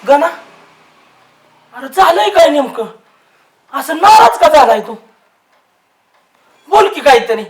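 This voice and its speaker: Older man with a high voice in a roomy space, a coaxing, scolding elder in a comedy sketch. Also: big pitch swings, takes it slowly, long pauses, a little hiss or hum. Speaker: elder relative. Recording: roomy echo.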